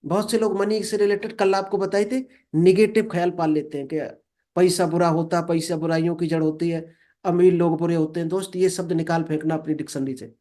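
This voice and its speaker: A man giving a motivational talk. He reads each English line slowly, then explains it, and often calls the listener friend. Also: fairly high pitch, flat delivery, warm tone. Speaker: motivational speaker.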